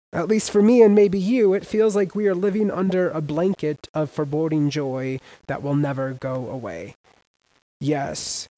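A man preaching a sermon as pastor, emphatic and casual, with sudden loud rises and everyday slang. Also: a little high, poor audio.

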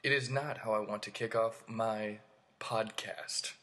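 A man's voice: fairly low pitch, steady tone, measured pace. A man hosting a casual comedy podcast, rambling and joking at his own expense from inside a small clothes closet. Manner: rambling, self-mocking joking. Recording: small closet room, clear background noise and hum.

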